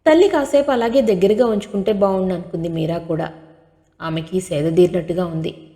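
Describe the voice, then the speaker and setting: A woman with a lowish voice reads a novel aloud as an audiobook narrator, brisk yet steady and expressive in her storytelling. A long hall reverb colours the recording.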